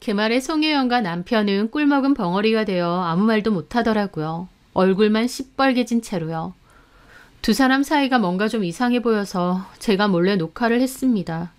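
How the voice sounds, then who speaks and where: A woman narrating a dramatic first-person story in a measured way. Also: mid-range voice, expressive, darkish tone, clean tone.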